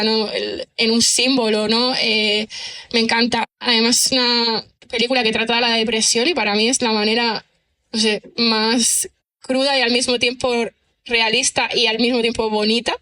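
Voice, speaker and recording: Bright and forceful, her slightly high voice carries loose, conversational interview answers. A writer and screenwriter appearing as a podcast guest, she's talkative and self-deprecating, working through thoughts aloud and regularly checking in with whoever's listening.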